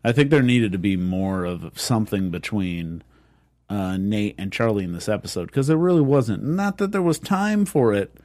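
A man with a low voice co-hosting a casual review show, talking in a chatty way and throwing in quick reactions and asides. His voice sounds dry and close, with no room sound around it. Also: lively intonation, a little mellow, no room sound. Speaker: podcast co-host.

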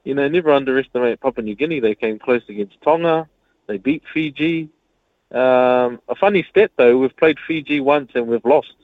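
A man's voice: mid-range voice, normal speed, dry recording. New male caller, chatty, comes through a tinny phone line, dry sound, casual radio call-in talk. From New Zealand. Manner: chatty, says mate often. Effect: heard over the phone line.

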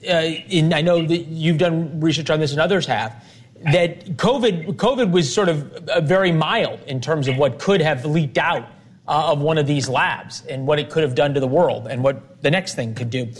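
A man hosting a TV talk show in a high voice that keeps bouncing up and down. He is wry and animated, and he jokes as he argues his side. He sounds lively throughout. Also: moderate pace. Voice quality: lively and wry, playfully argumentative. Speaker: news show host.

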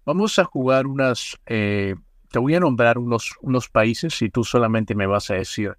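Relaxed male podcast host. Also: medium pitch, dry recording, clean studio sound. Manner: relaxed, many fillers like "este", asks quick questions. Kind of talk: casual podcast interview.

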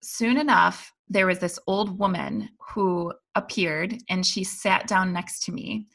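Bright, gravelly woman telling a story. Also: mid-range voice, slow pace. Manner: animated, rambling with fillers like "like". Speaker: guest telling a spiritual story. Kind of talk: casual storytelling.

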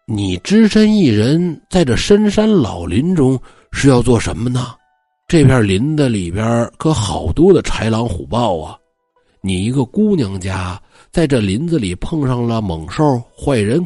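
A man playing a timid, courteous young scholar who cuts firewood, in a husky voice. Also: mid-range voice, big pitch swings, measured pace, warm tone, no echo, clean studio sound, faint music behind. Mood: bravado. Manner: nervous, bookish, courteous. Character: timid polite young male scholar woodcutter.

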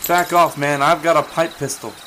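An actor playing a cocky, slangy young boyfriend in an audio drama. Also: male voice, mid-range voice, normal speed, close to an everyday voice. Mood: defiant. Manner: slangy, smart-alecky, casual. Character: cocky young man, sleazy boyfriend and storyteller. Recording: noisy outdoor night with crickets and birds.

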